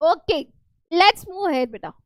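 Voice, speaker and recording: A woman's voice: extremely high pitch, expressive, normal speed, no echo, studio quality. A woman with a North Indian accent teaching a live revision lesson as a school science teacher, repeating key phrases and often checking in with students.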